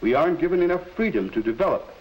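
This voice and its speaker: A man acting as a middle-aged schoolteacher in a 1950s educational film, speaking like a narrator of that era in a measured, didactic way. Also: a little high, animated, muffled recording, natural voice. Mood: instructive. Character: kindly, instructive male schoolteacher in a 1950s film. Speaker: teacher advising a student. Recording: hissy old 1950s film soundtrack.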